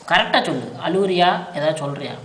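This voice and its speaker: A woman in a home video, softly and teasingly asking a baby the same questions over and over to coax it to sleep. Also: deep voice, fairly quick. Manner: soft, teasing, repetitive questioning. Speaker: caregiver talking to a baby. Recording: echoey room with steady background noise.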